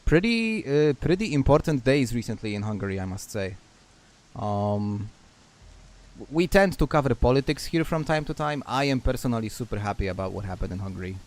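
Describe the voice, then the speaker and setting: A man from Poland talks casually with viewers while streaming a game, speaking a little fast at medium pitch with lively intonation. He laughs often and trails off mid-thought.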